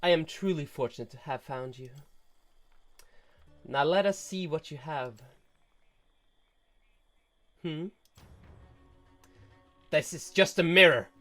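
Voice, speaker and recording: A man's voice: a little high, slow, long pauses, a bit bright, faint music behind. Man voicing proud serpent-woman Cassiopeia. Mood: haughty. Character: proud tragic snake-woman noble, aloof. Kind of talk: reading game dialogue aloud.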